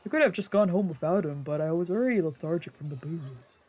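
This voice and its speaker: Reading a visual novel aloud with flair, a streamer voices the characters on the fly and drops casual remarks, with faint game music underneath. Pitch is medium, the tone a little mellow, the delivery animated and quick.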